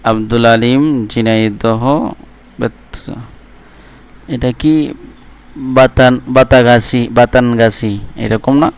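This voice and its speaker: A man teaching Quran reading, drilling letter sounds slowly syllable by syllable and breaking off into quick remarks to viewers. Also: medium pitch, fairly even intonation, clear, resonant tone. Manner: slow, drawn-out syllable drilling, then quick asides to viewers. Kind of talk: live online lesson, drilling letter sounds.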